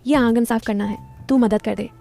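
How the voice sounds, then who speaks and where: A woman's voice: on the high side, fairly even intonation, normal speed, creaky, mellow, soft background music. A woman voicing Sunita, a teasing village widow. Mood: friendly. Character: lonely widowed village woman, mid-thirties, friendly.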